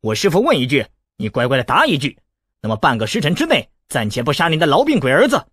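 A man's voice: on the high side, wildly swooping pitch, fast, fairly bright tone, husky, no room sound, exaggerated voice. Brash mocking boy, voiced by a man. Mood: pleading. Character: cheeky scheming teenage boy.

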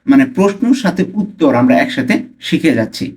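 A man with a Bangladeshi accent teaching Italian phrases, repeating each one slowly and carefully. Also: a little high, lively intonation, a little mellow. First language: Bengali. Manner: slow, careful repetition of phrases. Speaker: language teacher. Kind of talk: Italian lesson for Bengali speakers.

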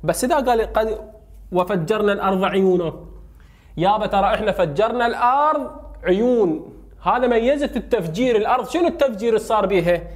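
Male teacher, Iraqi Arabic accent, high voice, brisk question-and-answer lesson delivery. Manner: quizzes students with quick questions and answers himself. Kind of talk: recorded grammar lesson.

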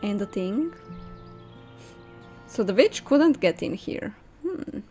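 Soft game music accompanies a young adult gamer and host as she plays and narrates her thoughts casually. She speaks expressively at a slow pace in a medium-pitched voice.

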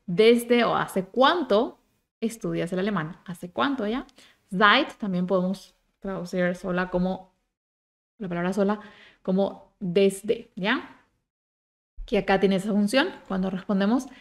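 A woman gives a German lesson at a slow, unhurried pace. She speaks carefully and repeats each word. She keeps checking that her students follow her. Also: medium pitch. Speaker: German teacher. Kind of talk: online language lesson.

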